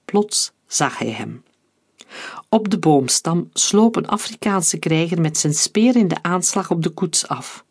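A man narrating an adventure novel as an audiobook in a calm, steady reading. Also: fairly high pitch, measured pace, creaky, husky. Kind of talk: scripted narration.

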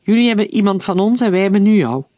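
A man reading aloud, voicing a calm, coldly menacing German officer who leads a patrol. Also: sits high, fast talker, dry recording, studio quality, voice pushed up. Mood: cold commanding.

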